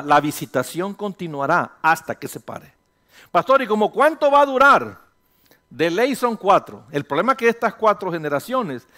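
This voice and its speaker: Pastor, man, high voice, lively sermon delivery, rhetorical questions, slips into English now and then. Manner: animated, rhetorical questions, voices imagined listeners; mixes in English phrases.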